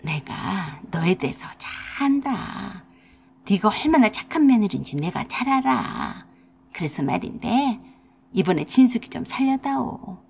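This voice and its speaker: A domineering old mother-in-law, put on by a woman reader in a radio drama, nagging in a shrill voice that jumps all over. She drops rural dialect words, and her tone stays husky. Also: very animated, normal speed, heavily acted. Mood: pleading. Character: scolding older mother-in-law, domineering and self-pitying.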